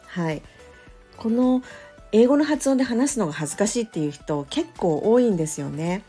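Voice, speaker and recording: A woman who teaches English pronunciation, talking alone on her podcast in a gentle, thoughtful way with many small fillers. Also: mid-range voice, lively intonation, normal speed, soft background music. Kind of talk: solo podcast talk.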